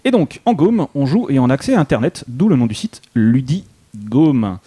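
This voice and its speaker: A man's voice: medium pitch, sing-song, normal speed, warm tone, slightly rough. A man co-hosting a radio show, reading a mock-solemn, ironic introduction. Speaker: co-host. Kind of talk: scripted humorous introduction.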